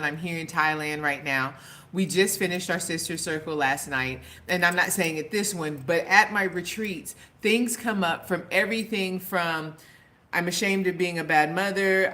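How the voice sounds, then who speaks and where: A woman's voice: on the low side, fairly bright tone. A woman coach talking straight to camera in an earnest, motivational way, repeating her key points for emphasis. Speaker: women's empowerment coach. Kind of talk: direct-to-camera vlog talk.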